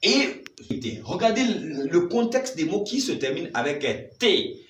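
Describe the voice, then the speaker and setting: Lively male teacher in a roomy room. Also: sits high, a little slow. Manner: lively, emphatic, repeats words for practice. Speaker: language teacher. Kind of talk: bilingual vocabulary lesson. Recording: roomy, distant mic with faint ambience.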